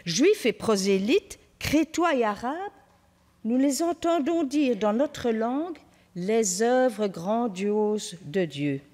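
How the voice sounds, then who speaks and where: A woman giving an expressive, lively reading of scripture in church. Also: fairly high pitch, slow. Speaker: scripture reader. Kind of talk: Bible reading. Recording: distant, long church reverb.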